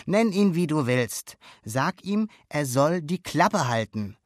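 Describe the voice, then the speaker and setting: A man's voice: fairly high pitch, big pitch swings, takes it slowly, dry recording, clean studio sound. A man reading a storybook aloud, voicing a cocky, adventurous boy who talks in a brash, bossy, eager way.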